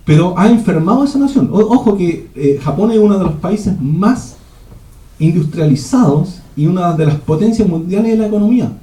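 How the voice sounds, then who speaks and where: A man's voice: high voice, expressive, moderate pace, mellow. A man giving a rambling teaching talk at a men's church retreat, often restarting his sentences. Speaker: retreat speaker. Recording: echoey room.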